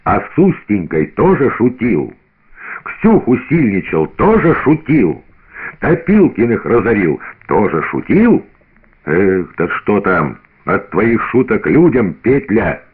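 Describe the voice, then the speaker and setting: A man voicing a fierce, proud peasant woman who shouts accusations, on a tinny old radio recording. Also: on the low side, sing-song, moderate pace, slightly rough. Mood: furious.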